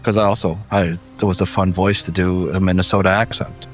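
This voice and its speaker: A man's voice: deep voice, flat delivery, brisk, faint music behind. A man, the game master and host, chatting casually and in a rambling, self-deprecating way. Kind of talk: casual debrief chat.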